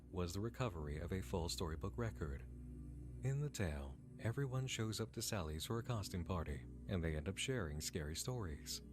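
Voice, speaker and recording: A man's voice: sits low, animated, a little fast, over music. A man reading scripted narration as the narrator of a video essay.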